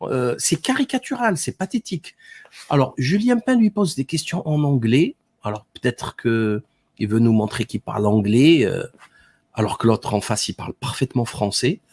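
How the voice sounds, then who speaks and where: A man's voice: mid-range voice, expressive, normal speed, darkish tone, slightly rough, dry recording. A man giving sarcastic, mocking commentary on a live stream.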